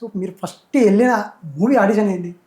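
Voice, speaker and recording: A man's voice: high voice, brisk, a little mellow. A man interviewing a guest, pressing him with skeptical questions. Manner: probing, skeptical questioning with many short backchannels. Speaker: interviewer, prank channel host. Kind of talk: casual interview.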